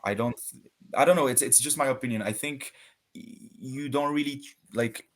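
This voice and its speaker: In a casual debate conversation, a guest from Switzerland talks in a mid-range voice. His speech is halting, with frequent restarts as he searches for the right words.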